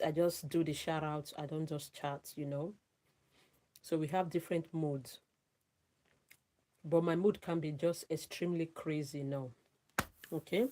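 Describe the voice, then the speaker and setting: Her voice sits low and mellow as she live-streams from Nigeria in relaxed chat. Warm and gushing toward her audience, she keeps saying thanks and calling out viewers' names.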